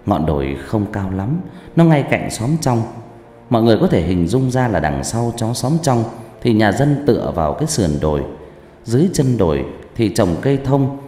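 A man narrating a first-person ghost story in an expressive, dramatic way. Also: lowish voice, normal speed. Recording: echoey room, faint background music.

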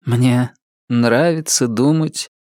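A man reading an audiobook, voicing an ancient, gentle angel in a slow, measured, solemn way. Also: medium pitch, lively intonation, no echo, clean studio sound. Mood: wistful. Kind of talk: audiobook character voice.

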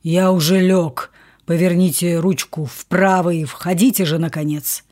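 Woman voicing a hoarse, curt husband. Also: lowish voice, fairly even intonation, measured pace, a little mellow. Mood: curt, sleepy. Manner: curt, dismissive. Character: weary man, husband roused from sleep.

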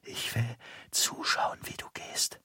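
A man voicing a gaunt, dying old grandfather in a slow, breathy, almost voiceless whisper for an audiobook. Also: no echo, clean studio sound. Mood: menacing whisper. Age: older. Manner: slow, drawn-out, menacing hush. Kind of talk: audiobook character voice.

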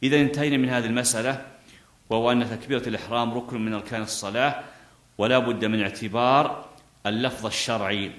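Male scholar, middle-aged, mid-pitched, reads passages then quizzes his class, roomy echo. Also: fairly even intonation, fast, a bit bright. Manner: reads quotes from the book, then explains with questions to students. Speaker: Islamic scholar teaching a fiqh text. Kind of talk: classroom lecture explaining a text. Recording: echoey room.

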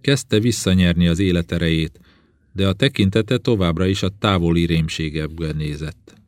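A man narrating an audiobook in a calm, even reading voice. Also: sits low, no echo. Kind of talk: scripted narration.

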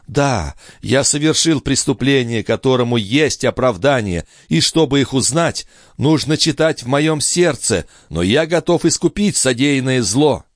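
A man's voice: medium pitch, animated, a little slow, few pauses, no echo, studio quality, voice pushed up, lightly acted. A man doing a pleading young commoner. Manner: pleading, trembling, later cold and cutting.

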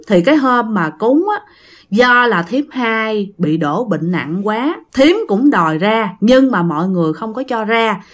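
A woman with a Southern Vietnamese accent narrating a ghost story, talking directly to her listeners in a lively way. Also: fairly high pitch.

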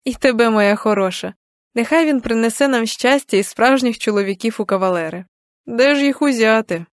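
A woman's voice: fairly high pitch, a little fast, no room sound, clean studio sound, lightly acted. A woman doing a chatty young girlfriend. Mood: cheerful. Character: cheerful young woman friend.

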